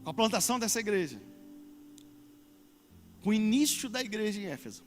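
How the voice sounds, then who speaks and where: A man preaching as a pastor at a church service, swelling loudly for emphasis and drawing out words. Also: sits high, sing-song, a little fast, in a large hall, soft background music. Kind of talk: sermon.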